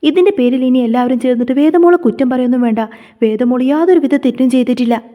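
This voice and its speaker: A woman's voice: sits high, quick pace, long reverb tail, highs cut off, lightly acted. A woman reading the lines of a grieving older mother who pleads with her son. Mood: pleading.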